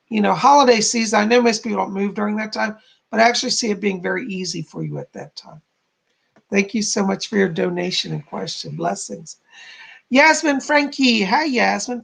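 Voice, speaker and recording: A man with a hoarse, croaky frog voice, giving live spiritual readings to donors as a psychic medium. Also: sits high, fairly bright tone.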